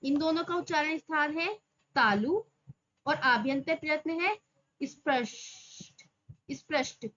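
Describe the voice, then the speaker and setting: Heard through lo-fi audio, a high-pitched woman with a fairly bright tone teaches grammar for an exam. She goes slowly, says each term more than once, and raises questions only to answer them herself.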